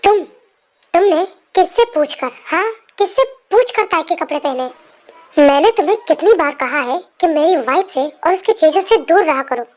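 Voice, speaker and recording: A woman voicing a possessive, quick-tempered young husband in a fan story narration, talking bossily. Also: very high-pitched, animated. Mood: scolding, angry. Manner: bossy, scolding, then doting. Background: faint music.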